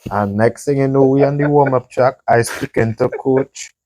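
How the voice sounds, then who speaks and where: A teenage sprinter talking casually about his running, in a relaxed, slangy way. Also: mid-range voice, moderate pace, no echo. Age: teens. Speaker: young sprinter guest. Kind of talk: casual interview chat.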